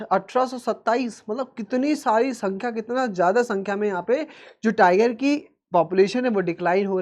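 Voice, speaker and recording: A man teaches in the style of a classroom video lesson and addresses his students affectionately as "beta." He keeps checking in with "theek hai" and slows down deliberately whenever he shifts into English phrases. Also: extremely high pitch. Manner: mixes Hindi with slow, careful English phrases.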